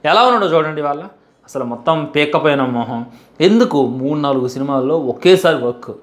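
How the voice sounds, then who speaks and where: A man's voice: on the high side, expressive, brisk. Impassioned young man pleading his case. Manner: emphatic, repetitive, pleading. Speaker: fan commentator. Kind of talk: impassioned fan monologue.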